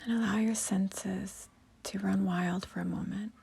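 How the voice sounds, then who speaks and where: A woman guides yoga breathing and meditation, her medium-pitched voice soft, husky, and close to a whisper. She gives her instructions slowly and in an even, steady tone.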